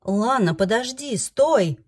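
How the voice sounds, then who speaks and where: A woman voicing a devoted young male dragon lord who coaxes and pleads softly. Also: fairly high pitch, lively intonation, slow. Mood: pleading. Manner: soft, coaxing pleading.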